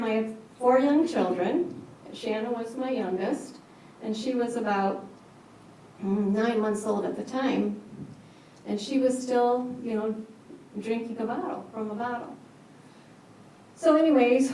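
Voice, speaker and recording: A woman giving a personal storytelling talk at a retreat, animated and acting out what others said. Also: on the high side. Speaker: speaker at a yoga retreat. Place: large echoey retreat hall. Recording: echoey hall from far off, faint hiss.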